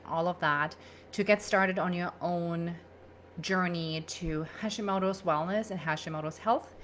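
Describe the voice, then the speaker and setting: Woman doing a live stream, kinda low voice, chatty, lots of ums, faint background hiss. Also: fairly bright tone. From Germany. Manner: chatty and upbeat, with frequent fillers. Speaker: holistic nutritionist hosting a live challenge. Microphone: own microphone.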